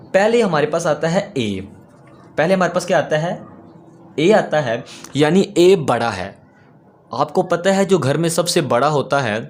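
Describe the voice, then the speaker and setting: A man teaching a class, patiently asking his own questions and repeating each key word slowly. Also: on the high side. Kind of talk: classroom lesson.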